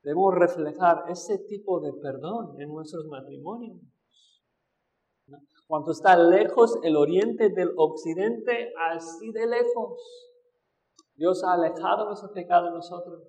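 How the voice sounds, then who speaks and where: A man's voice: high-pitched, measured pace, darkish tone. A male pastor preaching a sermon, who asks the congregation questions and acts out the voices he quotes. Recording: echoey hall with long reverb.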